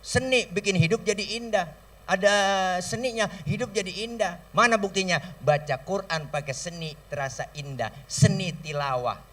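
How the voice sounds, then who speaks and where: A man with a Betawi accent giving a comic sermon from a stage, telling stories lively and mimicking sounds and voices. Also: high voice, moderate pace, distant mic. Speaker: preacher. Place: stage at an outdoor school celebration. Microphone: stage microphone through a sound system.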